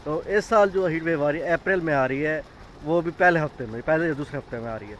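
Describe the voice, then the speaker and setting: Out in an orchard, a man who owns the farm hosts a laid-back vlog, talking and pointing things out as he explains. His voice is on the high side, and the dull lo-fi outdoor recording carries a little hiss or hum.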